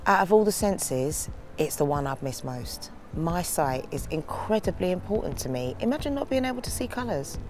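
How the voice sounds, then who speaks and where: A woman's voice: fairly low pitch, lively intonation, normal speed, few pauses, soft background music. A woman in her forties from London, giving a testimonial of her own views. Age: 40s. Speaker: community member giving views.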